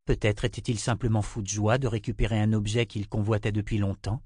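A man narrating a fantasy novel in a steady, even storytelling voice. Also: on the low side, fairly quick, breathy edge, no echo, clean studio sound. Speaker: audiobook narrator. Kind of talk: scripted narration.

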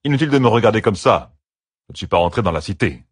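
A man's voice: on the low side, expressive, fast talker, slightly rough, no echo, clean studio sound, voice pushed up. A man voicing a brash, proud male warrior who delivers a matter-of-fact report in a fantasy audiobook. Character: Logain, proud dark-haired male warrior.

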